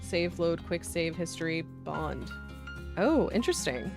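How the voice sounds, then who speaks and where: Over music, a woman with a fairly low, gravelly voice and lively intonation talks a little slowly. She's streaming visual novels, casually and playfully chatting and sometimes reading aloud in an informal style.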